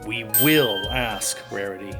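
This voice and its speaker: A man voicing an earnest young male defense attorney, calm and methodical. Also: fairly low pitch, measured pace, over loud music.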